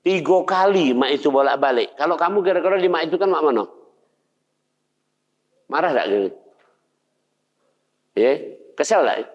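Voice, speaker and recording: A man's voice: on the high side, animated, moderate pace, pauses often. An older male preacher, giving a conversational sermon and putting questions to his listeners. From Indonesia. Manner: conversational, asks the audience questions. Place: mosque hall. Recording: dull sound in a long-reverb hall.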